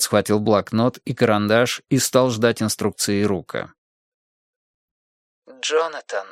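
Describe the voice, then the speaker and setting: A man reading a novel aloud in a measured, even narration. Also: mid-range voice, clear, resonant tone, dry recording, studio quality. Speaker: audiobook narrator. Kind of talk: scripted narration.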